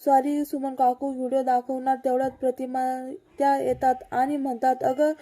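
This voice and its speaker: A woman's voice: sits high, completely flat delivery, normal speed, mellow, faint music behind. A woman casually recapping a serial episode in a chatty way, talking straight to her viewers. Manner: chatty, addresses viewers directly.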